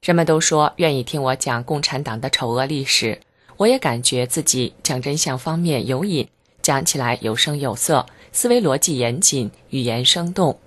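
Steady, earnest mid-pitched narrator. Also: normal speed. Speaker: reader of a first-person testimony. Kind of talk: scripted narration.

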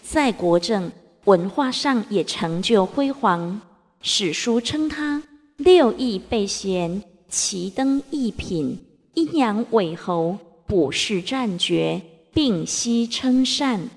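A woman reading a classical text lesson aloud, chanting verses and then telling a story in a deliberate scripted way. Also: medium pitch, lively intonation, slightly rough. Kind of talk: slow scripted recitation and storytelling. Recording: long hall reverb.

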